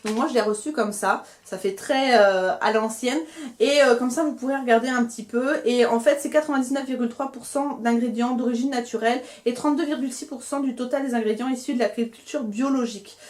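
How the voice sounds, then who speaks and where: A woman's voice: on the high side, a little fast. A young woman chatting casually through a beauty haul, talking with lots of fillers and restarts as she shows and reviews products. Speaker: beauty vlogger.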